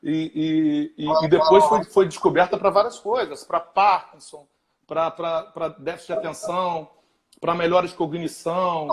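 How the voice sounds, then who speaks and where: A man's voice: fairly high pitch, normal speed. A man, a doctor, telling stories and agreeing eagerly in a live-stream conversation. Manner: animated, storytelling, agreeable. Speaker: physician and lecturer.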